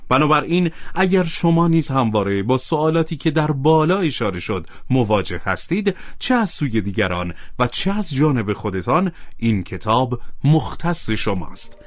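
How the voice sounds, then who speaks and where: A man narrating an audiobook in a calm, measured reading voice. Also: medium pitch, dry recording.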